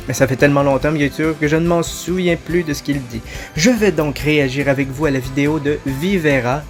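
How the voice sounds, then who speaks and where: A man with a slightly high voice talks straight to his viewers, loose and self-deprecating. He introduces his reaction video casually, with faint music under his voice.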